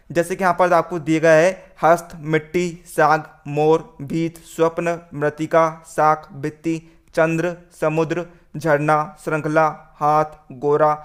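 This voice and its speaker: A man's voice: on the high side, smooth. A male teacher working through a worksheet lesson. He keeps saying "theek hai" and calls the students "friends.". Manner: repeats "theek hai", addresses "doston".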